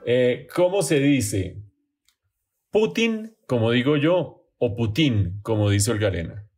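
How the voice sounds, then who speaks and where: A man's voice: medium pitch, big pitch swings, moderate pace, a little mellow, faint music behind. A man co-hosting a podcast, chatting in a playful, teasing way. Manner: teasing, playful, laughs while talking. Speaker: podcast co-host. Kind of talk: casual panel chat.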